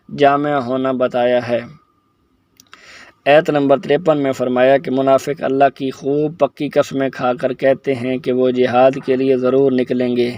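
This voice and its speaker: Man reading religious commentary in a flat, steady voice. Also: medium pitch, dry recording, highs cut off. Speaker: Islamic presenter. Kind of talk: reading a Quran commentary summary.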